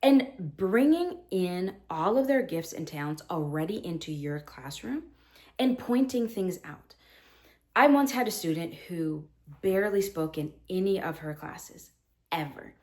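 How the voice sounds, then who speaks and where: A woman teacher in her thirties talks earnestly to fellow teachers about classroom practice, her voice on the low side at a measured pace. She's animated, acting out the lines she says to her students.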